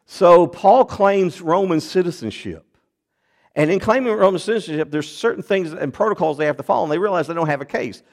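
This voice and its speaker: A man preaches a sermon, retelling a Bible story in an animated, storytelling style. His pitch and loudness swing widely, and he moves at a brisk pace.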